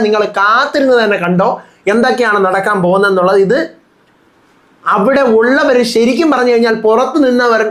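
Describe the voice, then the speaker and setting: A man's voice: extremely high pitch, fairly bright tone. A man with a Malayali accent, hosting a reality show review channel and giving insistent live-update commentary while retelling what contestants said. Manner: rapid, insistent, retells quotes.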